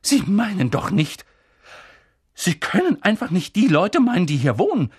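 A reader voicing a stern older female witch professor, high-pitched and urgent, with a husky edge. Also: big pitch swings, normal speed, dry recording, studio quality. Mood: indignant. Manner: urgent, pressing, high and insistent.

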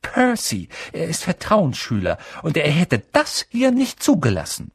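A man voicing a bossy, indignant know-it-all schoolgirl with a shrill voice in an audiobook reading. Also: huge pitch swings, unhurried, vocal fry, breathy edge, no room sound, studio quality, full character voice. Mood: reproachful.

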